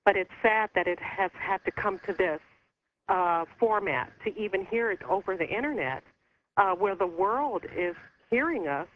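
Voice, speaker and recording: A woman calling in to a radio talk show over the phone, speaking earnestly with a concerned, halting manner. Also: mid-range voice, expressive. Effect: heard over the phone. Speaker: caller. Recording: muffled phone line with faint hiss.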